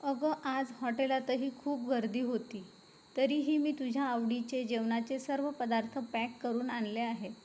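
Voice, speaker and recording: A patient young husband with a soft, coaxing way of talking, as a woman reader puts him on. He pleads gently and steadily. The voice sits a little high. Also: fairly even intonation, unhurried, a little hiss or hum, close to an everyday voice. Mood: pleading.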